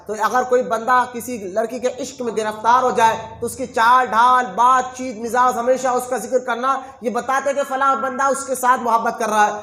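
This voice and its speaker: Impassioned high-voiced male preacher. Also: steady tone, few pauses, sharp tone, roomy sound. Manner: impassioned, rhetorical, repeating phrases for emphasis. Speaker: spiritual guide preacher. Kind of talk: Urdu sermon.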